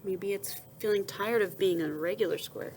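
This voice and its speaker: The audio is poor, with a little hiss or hum, as a mid-range woman's voice reads a picture book to young children like a teacher. Her delivery is expressive, dotted with asides and pauses where she asks questions and softly answers them.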